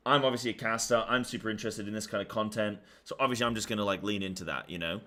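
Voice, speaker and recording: Rapid-fire and sharp-toned, a fairly low male voice fills this casual livestream chat. The speaker, a streamer and esports caster, rambles to viewers in slang and keeps circling back to the same phrases.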